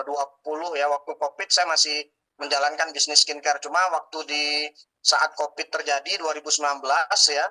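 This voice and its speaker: A man's voice: fairly high pitch, sharp tone, rough recording. A man in his late thirties telling his business story in an interview, earnest and full of fillers and tag words. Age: late 30s. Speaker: guest businessman. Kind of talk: testimonial interview talk.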